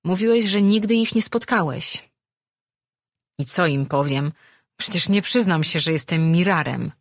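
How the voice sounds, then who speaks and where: A weary, restless ancient dream weaver in a storybook reading, earnest and reflective, as a woman narrator puts him on. The voice sits low and husky, recorded dry and close. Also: expressive, a little slow, no room sound.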